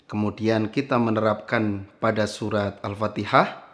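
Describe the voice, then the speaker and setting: A man teaching Quran recitation melodies, chanting verses slowly and then explaining each step in a lower speaking voice. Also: fairly even intonation.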